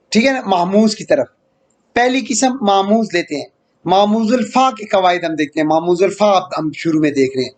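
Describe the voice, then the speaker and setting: A man teaching an online grammar lecture, patiently repeating key terms and checking in with rhetorical questions. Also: high-pitched.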